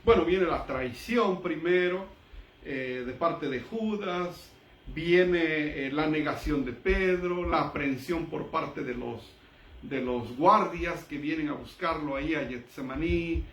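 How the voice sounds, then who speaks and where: A man preaching a sermon who reads Bible verses aloud and explains them, pausing for emphasis. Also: a little high, fairly bright tone. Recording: echoey room, voice from a distance.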